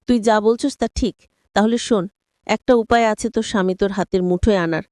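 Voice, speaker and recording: A woman's voice: mid-range voice, fairly quick, darkish tone, dry recording, clean studio sound, lightly acted. A woman voicing the narrator's playful, teasing young female best friend in a spoken story. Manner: playful, giggly.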